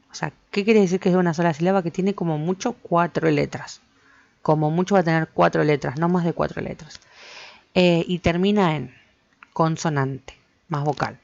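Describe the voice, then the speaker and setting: A woman's voice: low voice, creaky, a little mellow. A woman teaching English grammar to Spanish-speaking students, patiently going through each step and often checking "¿sí?". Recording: dull lo-fi with faint noise.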